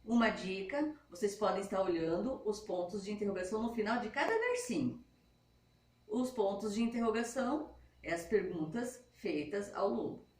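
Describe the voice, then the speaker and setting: A woman's voice: medium pitch, expressive, moderate pace, darkish tone. A woman teacher giving a patient, step-by-step lesson to schoolchildren. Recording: echoey room, mic at a distance.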